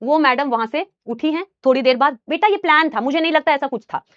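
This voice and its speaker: A young woman teacher telling a personal story in a casual, animated way, addressing listeners like her students. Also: high voice, fast, dry recording, muffled recording.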